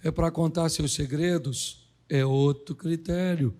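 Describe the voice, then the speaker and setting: A middle-aged man, a pastor, preaching a humorous sermon and acting out dialogue in quick, animated voices. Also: fairly high pitch.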